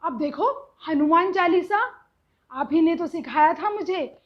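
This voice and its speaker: A woman voicing a patient grown son who calmly coaxes and gently teases his mother, on a slightly dull recording. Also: very high voice, measured pace. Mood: coaxing.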